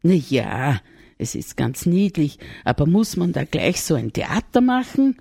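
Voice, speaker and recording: A woman with an Austrian accent voicing a gruff, stubborn young shepherd girl who talks curtly and scolds. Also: sits low, big pitch swings, measured pace, mellow, no room sound, clean studio sound, heavily acted. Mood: grudging. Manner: curt, scolding, grumbling.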